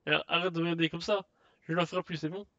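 Un homme qui lit à voix haute les répliques d'un aventurier fanfaron et roublard de jeu vidéo, en butant sur les mots. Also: male voice, on the high side, flat delivery, quick pace, fairly bright tone, lo-fi sound. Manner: stumbling reading. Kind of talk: reading game dialogue aloud.

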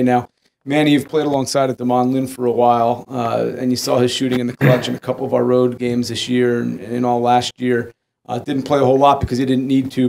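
A man's voice: mid-range voice, creaky, darkish tone. A man interviewing players after a game, asking long, wordy questions. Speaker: team media interviewer. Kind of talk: postgame press questions.

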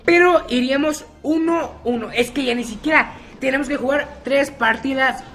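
A man's voice: very high-pitched, moderate pace, fairly bright tone, faint music behind. A man commenting on his own gameplay, chatty and teasing his opponents by name. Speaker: gaming YouTuber.

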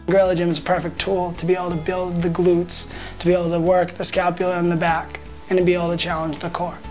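A man speaking as a personal trainer in a steady, explanatory testimonial. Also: sits high, quick pace, soft background music. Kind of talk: testimonial interview. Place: indoor room with brick wall.

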